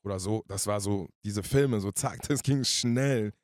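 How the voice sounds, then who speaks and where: A man telling his story as a podcast guest in casual, slangy speech, rushed and emotional. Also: fairly low pitch, dry recording, studio quality. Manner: slangy, rushed and emotional, addresses the listener as "Bruder".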